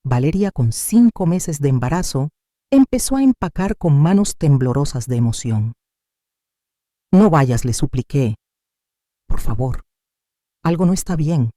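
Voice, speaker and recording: A man narrating a family drama in the first person, in a measured, dramatic storytelling manner. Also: a little high, mellow, no echo, studio quality.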